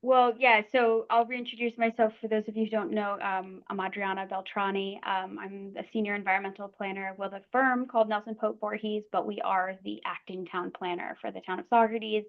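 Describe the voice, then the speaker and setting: A woman's voice: mid-range voice, little pitch movement, fairly quick, hardly any pauses. A woman working as a planner, talking informally in an online meeting over a video call. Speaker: senior environmental planner. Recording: dull lo-fi call audio.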